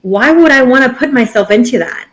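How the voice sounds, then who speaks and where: Slightly high-pitched and a bit bright, this woman in her thirties talks a little fast with lively intonation. She co-hosts a podcast, chatting casually and ramblingly, often restarting her sentences.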